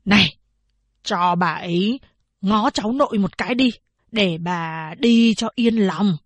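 A woman voicing a bullying older male town chief in an audiobook, gruff and scolding. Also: mid-range voice, unhurried, no room sound, close to an everyday voice.

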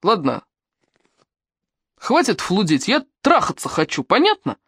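A woman's voice: mid-range voice, huge pitch swings, measured pace, a bit bright, husky, no echo, pitched above the performer's own voice, exaggerated voice. Woman voicing a cocky young guy in an audiobook, crude and mocking, dry close sound. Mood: leering. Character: crude young man, brash and leering.

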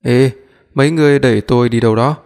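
A man's voice: mid-range voice, quick pace, a little mellow, clear, resonant tone, lightly acted. A man doing a cocky, teasing young man. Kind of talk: audiobook reading. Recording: long reverb.

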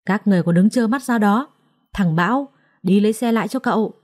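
Storybook casting: a frantic young son yelling orders, fast, played by a woman narrator. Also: medium pitch, natural voice. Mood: urgent. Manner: shouted orders. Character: young son, urgent and shouting.

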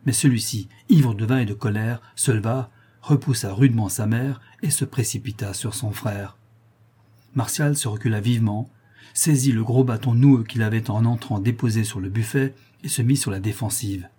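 Dark, husky male audiobook narrator. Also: lowish voice, normal speed. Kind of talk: dramatic novel narration.

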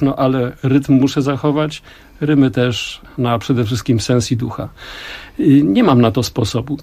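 Older man speaking in slow reflective tones. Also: mid-range voice, darkish tone. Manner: reflective, measured, with frequent pauses. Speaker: song translator and musician, guest. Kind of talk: radio interview. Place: radio studio.

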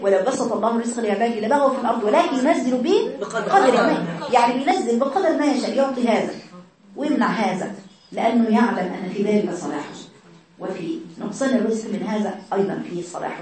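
Egyptian woman, religious teacher, quick talker, rhetorical questions, booming room echo. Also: a crowd in the background. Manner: conversational, asks rhetorical questions. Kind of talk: religious lesson. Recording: very echoey room, voice far from mic.

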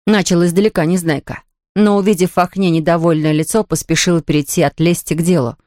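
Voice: medium pitch, fairly even intonation, fast, a little mellow, no room sound, studio quality. A narrator reading a children's storybook aloud, switching into voices for the characters.

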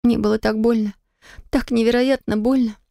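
A woman's voice: on the high side, steady tone, normal speed, creaky, warm tone, dry recording, clean studio sound, voice pushed up. A woman reading an audiobook, voicing a young woman who has just given birth, emotional, tearful and apologetic.

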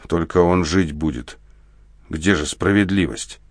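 A man voicing a frenzied, hysterical young soldier who shouts hoarsely in an audiobook. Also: low voice, unhurried, no echo, studio quality. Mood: bitter. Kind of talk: audiobook character voice.

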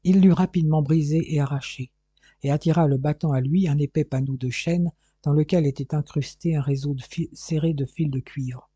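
A man reading a novel aloud in a steady, measured narration, on a dull, dry recording. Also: on the high side, breathy edge, no echo. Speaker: audiobook narrator.

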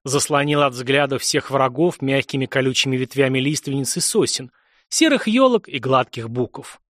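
A man narrating a fantasy audiobook in an expressive, dramatic reading style. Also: mid-range voice, moderate pace, no room sound, studio quality.

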